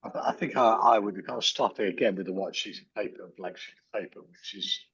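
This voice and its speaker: A man's voice: fairly low pitch, fairly bright tone, husky. Man on a glitching, cutting-out call. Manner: halting, restarts mid-sentence. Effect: glitching, cutting-out audio. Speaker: panel guest. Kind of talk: online panel discussion. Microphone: video call. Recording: muffled video call line.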